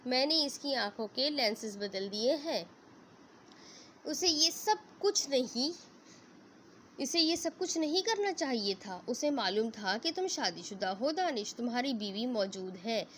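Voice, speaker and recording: A woman voicing a scheming young woman who speaks softly and mockingly. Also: a little high, lively intonation, a little hiss or hum. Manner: soft, mocking.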